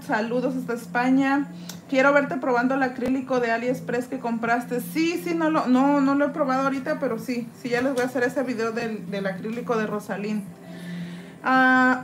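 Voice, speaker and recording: Chatty woman with a slightly high voice. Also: a little hiss or hum. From Mexico. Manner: chatty, reads viewer comments aloud and greets them while working. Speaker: nail tech streamer. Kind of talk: casual live-stream chat. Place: indoors at a nail desk.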